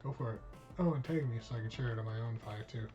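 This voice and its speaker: A streamer reading a visual novel aloud, voicing all parts in a casual, cursing manner. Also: male voice, mid-range voice, quick pace, music in the background. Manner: casual, reads all parts, drops in swear words.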